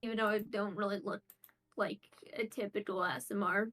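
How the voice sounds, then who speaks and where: A woman's voice: medium pitch, fairly even intonation, normal speed, fairly bright tone, rough recording. A woman playing a tabletop game, reading out abilities in a hesitant way with many restarts. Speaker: player. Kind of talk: tabletop role-play chat.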